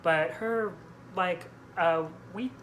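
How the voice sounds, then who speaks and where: A woman hosts a casual book vlog, chatting informally and scattering "like" through her sentences. Her voice is lowish with a fairly bright tone, she takes things slowly, and there's a noisy room in the background.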